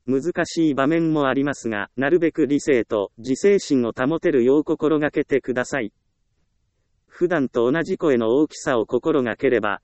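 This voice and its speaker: Smooth, dry-voiced calm male narrator. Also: medium pitch, no echo. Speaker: self-help narrator.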